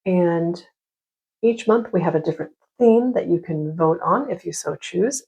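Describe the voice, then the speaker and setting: A woman hosting a casual, chatty watercolor tutorial in a rambling, self-deprecating, slightly scattered way, with a slightly husky, creaky voice. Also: on the low side, warm tone, low-quality recording. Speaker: painting instructor.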